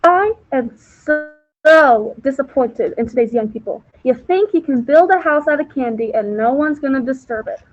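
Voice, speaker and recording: A crotchety old witch, played by a woman in a comic fairy-tale play, heard through thin, phone-like audio. The voice is high, scolding and sly. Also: animated, moderate pace, soft background music. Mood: indignant scolding.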